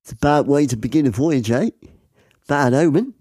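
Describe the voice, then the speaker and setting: A man's voice: on the high side, expressive, very slow, heavily acted. A man voicing a tall, gaunt, grim Australian ship passenger in a hammy accent that slides toward Scottish. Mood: ominous.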